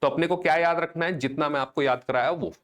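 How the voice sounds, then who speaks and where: A man's voice: on the high side, a bit bright. Guy teaching an exam class, chatty, keeps asking if students got it. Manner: call-and-response drilling, chanting mnemonics slowly; conversational, checks in with students often. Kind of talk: live online class lecture.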